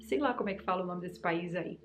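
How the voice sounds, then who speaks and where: Speaking fast in a lowish, fairly bright voice, this young Brazilian channel host spins casual mystery tales for her audience, addressing them directly with chatty drama. She has a Brazilian Portuguese accent, and a slight hiss or hum sits underneath.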